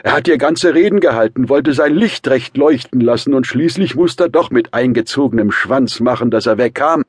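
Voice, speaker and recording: A man voicing a drunk, rowdy young man in an audiobook, blustering and shouting. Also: mid-range voice, normal speed, husky, no room sound, voice pushed up, natural voice. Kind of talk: audiobook character voice.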